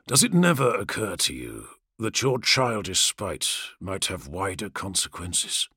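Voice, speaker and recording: A man voicing a stern male warrior officer who speaks low and quiet, holding back anger. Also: very animated, unhurried, slightly rough, no echo, clean studio sound, full character voice. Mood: restrained anger. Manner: low, quiet, through gritted teeth.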